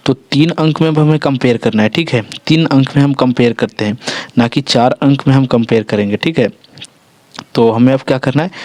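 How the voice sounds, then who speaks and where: A man's voice: medium pitch, darkish tone, no echo. Patient male maths teacher, dry sound. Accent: Jharkhand Hindi. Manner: explains step by step, often checks in with "ठीक है" and "देखिए"; corrects his own slips as he goes. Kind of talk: classroom-style maths lesson.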